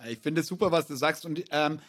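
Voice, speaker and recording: A man's voice: fairly high pitch, fairly even intonation, brisk, a bit bright, husky. A man in his forties hosting a podcast conversation, talking in long, winding, enthusiastic sentences. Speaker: podcast host.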